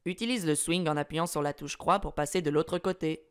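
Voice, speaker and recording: A man's voice: fairly high pitch, fairly quick, clean tone, pitched below the performer's own voice, close to an everyday voice. A man voicing a helpful inventor who explains upgrades and controls to the hero of a video game. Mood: explaining.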